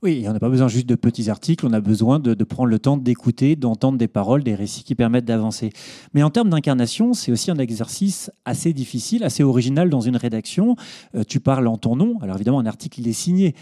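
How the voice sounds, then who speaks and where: A male interviewer poses long, carefully built questions in a mellow, dark voice. His recording sounds dry and close, with no room echo. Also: medium pitch, lively intonation, fast talker. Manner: elaborate, analytical questions.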